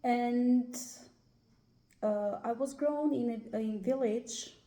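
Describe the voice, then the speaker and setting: Slow, hesitant Albanian-accented woman. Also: on the high side, dark tone. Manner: hesitant, many pauses and "uh" fillers. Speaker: guest. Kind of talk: personal life story in an interview. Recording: roomy echo.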